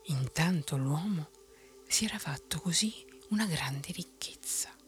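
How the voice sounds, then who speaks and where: A woman telling a bedtime story in a soft unvoiced whisper. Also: low-pitched, expressive, unhurried, soft background music.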